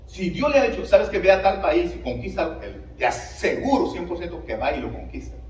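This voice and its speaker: A man preaching a sermon as pastor, in an animated style with rhetorical questions to the congregation. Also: high voice, brisk, reverberant, recorded from a distance, low-quality recording. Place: church sanctuary.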